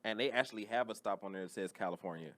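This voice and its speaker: A man talking as a podcast guest, telling personal stories in a casual, halting way. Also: on the low side.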